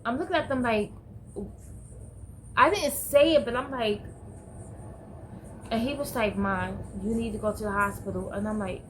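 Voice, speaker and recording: A middle-aged woman telling a personal story in a vlog, halting and searching for words with many restarts. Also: a little high, a little hiss or hum, low-quality recording. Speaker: vlogger.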